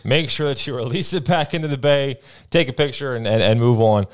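In a small indoor studio with a brick wall, a young man with a New Jersey accent wears headphones and speaks into a boom mic on an arm as co-host of a casual fishing report. He recounts his weekend trips in laid-back storytelling littered with "uh" and "um," fairly quick, with a clear, resonant tone.

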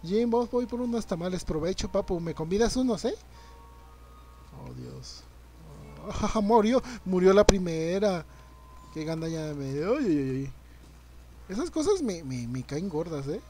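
A young man, streaming a game live, reacting loudly, swearing and greeting his chat. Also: high-pitched, expressive, normal speed, soft background music. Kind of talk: live gameplay commentary.

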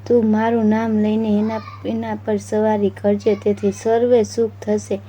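A woman voicing the god Shiva, calm and commanding, who gives instructions in a measured, instructive way, on a dull lo-fi recording with faint noise. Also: mid-range voice, lightly acted.

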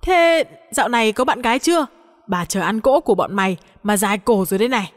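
A woman's voice: a little high, lively intonation, fast talker, long reverb tail, natural voice. Woman doing a bubbly rejuvenated granny. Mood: doting. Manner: bubbly, doting, teasing. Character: grandmother made young again, playful, boy-crazy.

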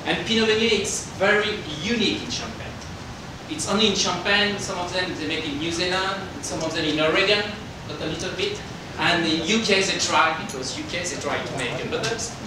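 A middle-aged French winemaker gives an informal presentation in English inside a hotel function room. His voice is slightly high and his non-native English is halting and simply phrased, picked up by a distant mic that makes it sound roomy with background noise.

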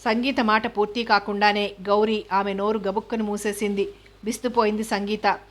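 Woman narrating a novel in a flat voice. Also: mid-range voice, moderate pace. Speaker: novel reader. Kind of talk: scripted narration.

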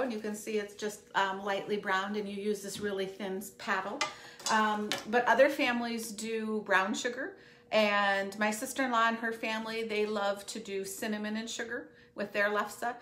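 A middle-aged woman with a mid-range, slightly bright voice hosts a live cooking demo from her home kitchen, chatting warmly with viewers as she works at the counter. A fixed camera across the counter picks her up, and the room gives off a roomy echo.

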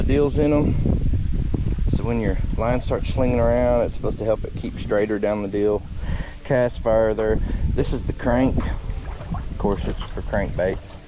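Laid-back man on a kayak. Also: mid-range voice. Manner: laid-back, rambling, folksy. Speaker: kayak fishing vlogger. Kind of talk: casual outdoor gear talk. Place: on a kayak on a lake outdoors. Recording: noisy outdoor audio.

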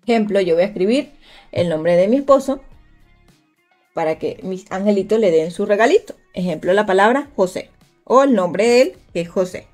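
A woman's voice: mid-range voice, expressive, normal speed, darkish tone, soft background music. A woman teaching a live design class, chatting directly with her viewers and thinking aloud as she works. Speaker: crafts instructor. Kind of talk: live-streamed software tutorial.

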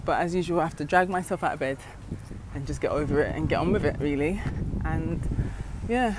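A woman's voice: sits low, a little fast. Chatty young woman on a street walk. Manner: chatty, rambling, confiding asides. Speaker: vlogger, mother. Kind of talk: casual walking vlog chat. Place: outdoors on a city street. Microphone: wired earphone mic, phone at arm's length. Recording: street noise and passing traffic.

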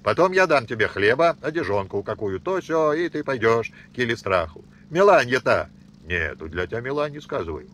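A man's voice: medium pitch, big pitch swings, moderate pace, a bit bright, slight background noise. A man doing a stern old peasant patriarch. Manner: harsh, commanding, threatening, rustic speech. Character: stern old male Old Believer father.

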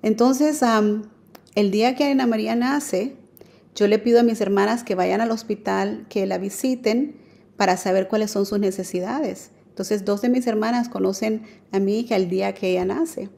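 A woman's voice: mid-range voice, fairly even intonation, normal speed, creaky, dark tone. A woman telling her personal faith story as a radio guest, earnest and full of fillers. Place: radio studio.

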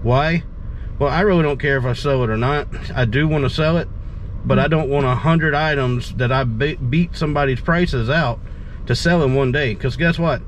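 Casual male vlogger in his 30s, rambling, mid-pitched, clear road noise from the car. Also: normal speed. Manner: folksy, rambling, repeats himself. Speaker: reseller vlogger. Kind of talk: casual chat. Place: car, driving. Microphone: dash-mounted camera.

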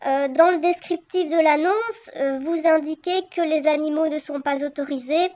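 A woman playing a keen, polite, hesitant flat-hunter leaving a voicemail. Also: high-pitched, moderate pace, natural voice. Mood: polite, eager. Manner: hesitant, polite, careful spelling. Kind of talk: scripted voicemail role-play.

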